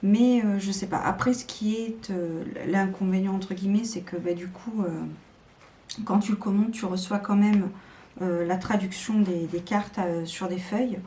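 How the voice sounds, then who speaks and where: A woman's voice: mid-range voice, steady tone, normal speed, mellow. A woman showing tarot decks to camera in a casual, hesitant chat full of fillers and restarts. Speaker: tarot video creator.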